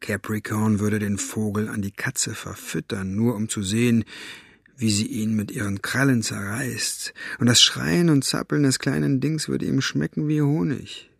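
Man reading a hushed, scarred stranger. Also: on the low side, steady tone, unhurried, gravelly, slightly rough, dry recording, clean studio sound, full character voice. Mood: hushed, insinuating. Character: scarred wary grown man, secretive and sinister.

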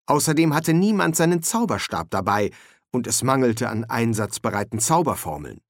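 Guy reading a fantasy audiobook, expressive, totally dry recording. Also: mid-range voice, vocal fry, no echo. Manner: measured, expressive reading with character voices. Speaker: audiobook narrator. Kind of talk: scripted narration.

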